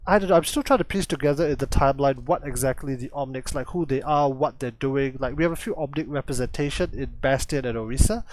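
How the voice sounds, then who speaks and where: A man's voice: medium pitch, fast talker, hardly any pauses. A man hosting a comic lore breakdown, rambling and thinking aloud as he corrects himself. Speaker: host.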